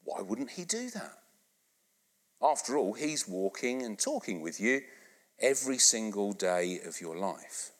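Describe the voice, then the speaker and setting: A middle-aged English man with a medium-pitched voice preaches a sermon to a live congregation in a church hall. He is animated and conversational, coaxing listeners to repeat lines back to him, and the recording carries a long hall reverb.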